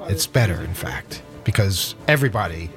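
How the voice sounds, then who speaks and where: A man's voice: deep voice, expressive, normal speed, music in the background. A man hosting a radio show in a studio, chatting casually and rambling with many self-deprecating restarts. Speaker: radio host. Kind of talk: casual on-air banter.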